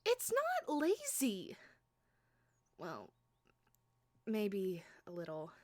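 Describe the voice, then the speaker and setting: In a flirty ASMR audio roleplay, a voice actress teases playfully, speaking softly, slowly, and close, frequently whispering right into the mic. Her mid-range voice comes through on a dry recording.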